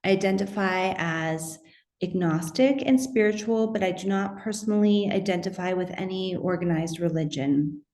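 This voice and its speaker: A middle-aged woman giving a conference presentation on her research, methodical and measured, with occasional fillers and restarts. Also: mid-range voice, a little mellow. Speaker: academic researcher presenting at a symposium. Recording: roomy echo.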